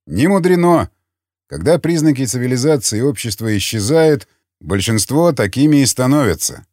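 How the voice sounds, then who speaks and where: A man voicing a calm, commanding seasoned scavenger who speaks tersely and bluntly. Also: mid-range voice, normal speed, dry recording, clean studio sound, close to an everyday voice. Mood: matter-of-fact. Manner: terse, blunt, matter-of-fact.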